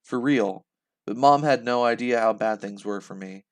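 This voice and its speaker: A young man reading a novel aloud in a lively way, breaking off to laugh and comment. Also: medium pitch, moderate pace, gravelly. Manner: animated, laughs and breaks off mid-sentence. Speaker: reader reacting live.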